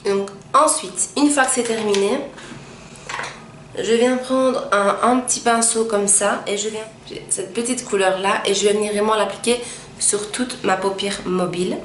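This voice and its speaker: A woman's voice: mid-range voice, fairly even intonation, normal speed. Chatty young woman, echoey room. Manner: chatty, frequent hesitations, step-by-step explaining. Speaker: makeup tutorial host. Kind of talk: casual makeup tutorial narration. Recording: echoey room with faint ambient noise.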